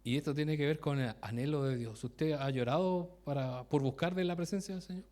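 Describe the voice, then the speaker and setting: Man preaching, fairly high voice. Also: fairly quick, darkish tone. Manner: informal, self-interrupting, laughs at his own stories; asks the congregation direct questions. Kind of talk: conversational sermon with personal stories.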